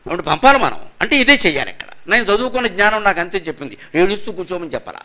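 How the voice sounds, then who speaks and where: A man's voice: high-pitched, sing-song, bright, forceful tone. Older man giving an emphatic spiritual lecture. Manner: emphatic, rhetorical questions, chants verses slowly. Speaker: religious discourse speaker. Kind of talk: spiritual lecture to a live audience. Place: function hall.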